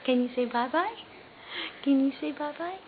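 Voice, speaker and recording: A woman's voice: sits high, moderate pace, a little hiss or hum. A mother speaking baby talk to her infant, singsong, coaxing and repetitive. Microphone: camera held nearby. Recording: tinny lo-fi home video with chatter behind.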